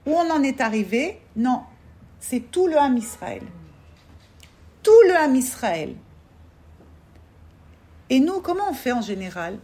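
Woman teacher, high voice, lively class talk with rhetorical questions and "d'accord?" check-ins. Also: moderate pace. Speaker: religious teacher. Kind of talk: Torah class for women.

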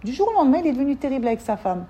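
A woman teaching an informal religious class to a group of women, animated, repeating words and acting out little dialogues as she explains. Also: high voice, racing.

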